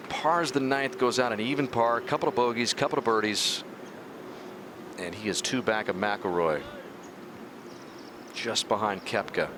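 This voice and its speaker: A man giving measured golf commentary as the lead anchor of a live tournament broadcast. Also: mid-range voice. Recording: outdoor broadcast with clear background noise.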